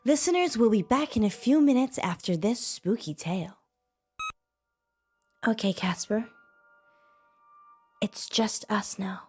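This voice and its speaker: Breathy, girlish radio co-host. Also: medium pitch, expressive, a little slow, long pauses, faint music behind. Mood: composed. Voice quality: soft, breathy, baby-doll voice. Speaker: radio co-host in a story game. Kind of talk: dramatic game dialogue, late-night radio show.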